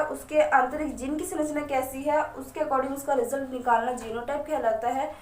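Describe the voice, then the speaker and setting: Her high voice echoing around a reverberant room, a woman works through a whiteboard science lesson by asking herself a string of questions and answering each in turn. She addresses her students directly. The mic sits at a distance and catches a faint hiss.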